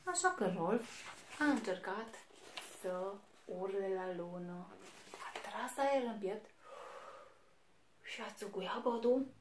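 Female storyteller for kids, expressive and chatty with the audience; echoey room, light hiss. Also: medium pitch, long pauses. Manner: expressive, addresses young listeners directly. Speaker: children's story reader. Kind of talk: reading a picture book aloud to children. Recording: echoey room, faint noise.

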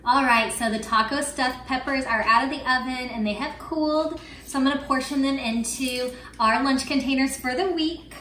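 A young vlogger explains a recipe step by step in her home kitchen, upbeat and simple, in a high-pitched voice at a normal speed with hardly any pauses. The far camera picks up an echoey room and a faint hum.

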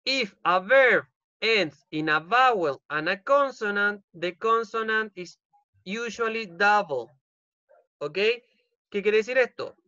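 A man's voice: high voice, expressive, takes it slowly, sharp tone, clear, resonant tone, no echo, dull audio. A male English teacher with a Chilean accent, giving an online class and repeating each rule in Spanish with frequent "ok?" checks. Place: home. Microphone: computer mic on a video call.

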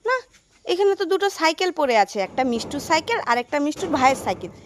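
A woman, playing a mother in a scripted comedy skit, animated and scolding, narrating to herself outdoors. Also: high-pitched, quick pace, slight background noise. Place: outdoors in a yard.

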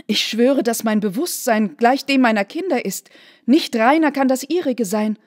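Woman reader doing a young noble widow: earnest, pleading, a little high. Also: moderate pace, a little mellow, close to an everyday voice. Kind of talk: literary reading.

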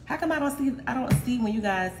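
High, animated, and quick, this young woman's voice fills a casual phone livestream from her kitchen at home. She chats candidly with viewers, laughing often and swearing freely, and the phone, held at arm's length, captures an echoey room with faint background noise.

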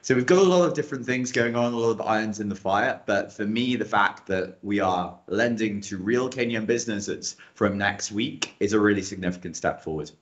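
Low-voiced man explaining on a video call. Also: a little fast, hardly any pauses. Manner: upbeat, explanatory, with frequent ums. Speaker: guest, operations director. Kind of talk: answering questions on a video call. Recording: dull lo-fi video call audio.

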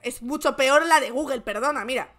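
A woman's voice: sits high, fairly quick, fairly bright tone, soft background music. A woman from Spain with a Spain Spanish accent, hosting a streamed show and giving comic, mocking commentary on the news. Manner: sarcastic and mocking. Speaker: streamer host.

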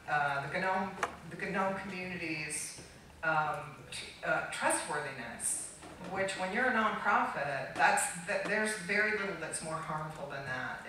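A middle-aged American trademark attorney gives an unscripted keynote at a conference in a deep, pushed, bright voice. She is halting and emphatic, with repeated false starts as she restarts her phrases. She is recorded from far off on a large, dark auditorium stage, and the hall is echoey with faint noise.

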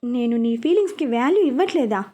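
A woman's voice: on the high side, animated, fast talker, mellow. A woman reading a story, voicing a young man who coaxes and apologizes to his fiancée. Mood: tender. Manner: coaxing, apologetic.

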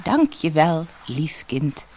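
A woman's voice: deep voice, sing-song, slow pace, a little mellow, slight background noise, exaggerated voice. A woman doing a gracious old fairy. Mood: kindly. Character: kindly female fairy disguised as an old woman.

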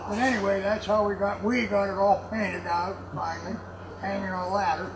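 A man in his seventies with a high, level-toned voice tells rambling, casual anecdotes a little fast, laughing along in a folksy, salty way. Clearly noisy ambience fills the block-walled warehouse room where he speaks.

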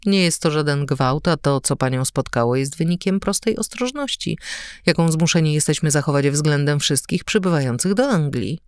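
A woman voicing a young male officer who speaks flatly and without feeling, in a lowered voice. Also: normal speed, clear, resonant tone, no room sound, studio quality. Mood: cold. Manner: flat, indifferent. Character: young officer, cold and unmoved.

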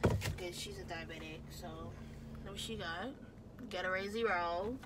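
Speaking unhurriedly in a lowish voice, a young woman vlogger chats casually from a parked car into a phone camera held close. She tends to trail away with "so, yeah" and sink into a mumble, and there's a lot of noise in the audio.

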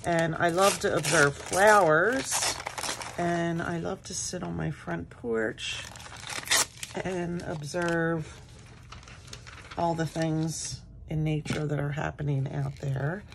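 In her home craft room, a middle-aged woman who hosts a craft channel chats casually and rambles as she works on a journal page. Her low, creaky morning voice moves slowly with fairly even intonation, and there is background noise.

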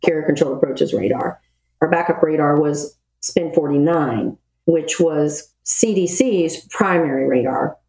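A podcast interview features a middle-aged woman, retired from the Navy as an air traffic control officer, calmly explaining procedures in a matter-of-fact, military way. Her low voice is warm and unhurried, recorded in a roomy, echoing space.

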